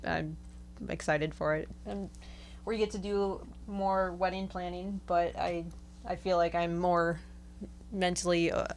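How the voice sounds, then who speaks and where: A woman's voice: fairly low pitch, little pitch movement, a little slow, a little hiss or hum. A woman co-hosting a podcast, chatting in an easygoing way with fillers. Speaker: podcast co-host. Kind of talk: casual chat.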